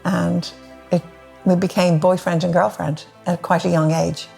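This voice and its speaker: A middle-aged woman from Ireland with an Irish accent, recalling her life gently and with some hesitation in a testimony interview. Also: lowish voice, little pitch movement, unhurried, vocal fry, faint music behind. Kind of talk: personal testimony.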